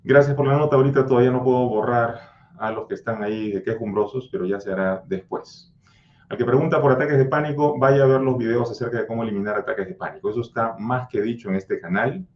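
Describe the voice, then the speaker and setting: A man's voice: mid-range voice, fast talker, slight background noise. Blunt, insistent man in a roomy room. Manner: repeats mantras in a drilling rhythm. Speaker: anxiety coach and channel host. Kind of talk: livestream answering viewer comments. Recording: roomy, slightly dull sound.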